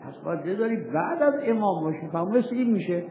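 A man's voice: high-pitched, expressive, a little hiss or hum. Man lecturing in an echoey hall. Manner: rhetorical questions to students; reads old texts slowly and deliberately. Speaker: religious law teacher. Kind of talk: seminary lecture. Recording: tinny echoey hall recording.

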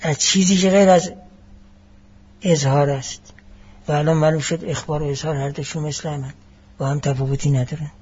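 A man giving a classroom lecture as a seminary teacher, explaining each point deliberately and mixing in Arabic phrases. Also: a little high, steady tone, a little mellow, husky, highs cut off.

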